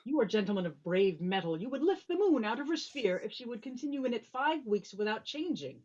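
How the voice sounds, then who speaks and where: Woman playing a lively, wordy old courtier. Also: a little high, fairly quick, lo-fi sound. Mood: mildly reproving. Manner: earnest, long-winded, courtly. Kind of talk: Shakespearean stage drama performance.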